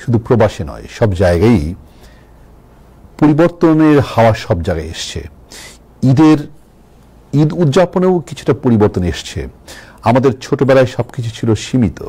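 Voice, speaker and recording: A man's voice: fairly low pitch, warm tone, slightly rough. A middle-aged man with a Bangladeshi accent, a talk show guest speaking reflectively and repeating phrases for emphasis. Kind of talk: reflective reminiscing in conversation.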